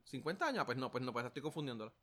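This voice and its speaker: A man's voice: medium pitch, sing-song, racing, bright, forceful tone. A man with a Puerto Rican accent co-hosting a casual political chat, slangy and rambling with many restarts. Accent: Puerto Rican Spanish. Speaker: podcast co-host.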